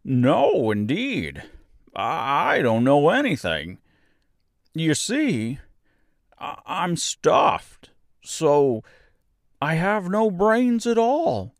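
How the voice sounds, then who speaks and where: Storybook scarecrow: naive, earnest, polite, pitched high with wild swoops, slow husky drawl. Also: male voice, wildly swooping pitch, dry recording, clean studio sound, exaggerated voice. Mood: sad, confused. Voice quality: rather husky. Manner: slow, drawn-out, swooping delivery.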